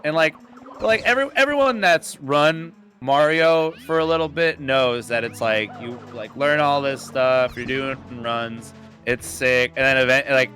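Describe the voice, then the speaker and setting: Young male caster, relaxed and slangy, bright tone, unhurried delivery. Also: on the high side. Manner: laid-back, slangy, rambling. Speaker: speedrun commentator. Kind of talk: casual live game commentary.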